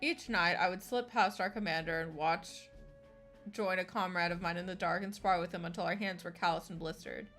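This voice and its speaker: A woman's voice: fairly low pitch, fairly even intonation, fairly bright tone, soft background music, voice pushed down, lightly acted. A woman reading aloud as a stern young female royal knight, speaking in formal, old-fashioned phrasing. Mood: solemn. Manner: formal archaic speech, measured. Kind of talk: reading game dialogue aloud.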